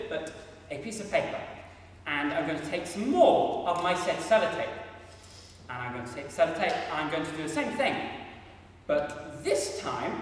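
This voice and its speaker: On stage in a big, echoey hall, a young man gives a lively, self-mocking maths demonstration as a variety show act, bantering with the crowd through a handheld mic he sometimes sets down. His voice sits high and is picked up from a distance, with a faint hiss or hum.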